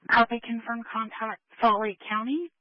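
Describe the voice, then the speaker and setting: A woman police dispatcher speaks in brisk coded phrases over a police radio. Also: a little high, fairly even intonation, no echo. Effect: police radio transmission. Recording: dull dry radio sound.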